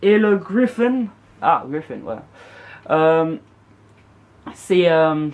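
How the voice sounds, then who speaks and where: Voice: mid-range voice, sing-song, takes it slowly, a little mellow. A gamer giving a casual, unscripted walkthrough, speaking informally to viewers in a hesitant, self-correcting way. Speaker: video game player presenting loadouts.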